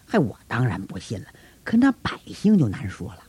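A man voicing a fawning, scheming chief priest who pleads low, hushed and slow. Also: huge pitch swings, breathy edge, no room sound, full character voice. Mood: wheedling.

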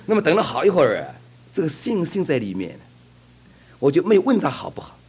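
A man's voice: on the high side, huge pitch swings, fairly quick, darkish tone, slightly rough. A man preaching a fervent sermon and telling a testimony, asking the congregation rhetorical questions.

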